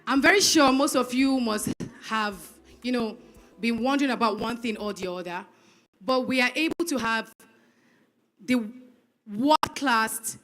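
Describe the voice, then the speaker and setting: A Nigerian woman hosting a public forum as emcee, lively and upbeat, hyping the audience and introducing the next segment. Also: a little high. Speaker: master of ceremonies. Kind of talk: event hosting. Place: event hall.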